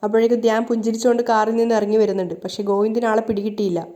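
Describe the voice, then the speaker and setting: A woman narrating a recap of a TV serial in a lively storytelling way, adding dramatic asides. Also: a little high, very fast.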